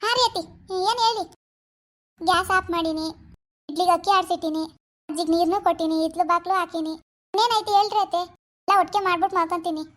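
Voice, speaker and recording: A woman's voice: very high voice, fast talker, pauses often, a bit bright. A woman voicing a tired young daughter-in-law in a cartoon, polite and weary as she lists her chores.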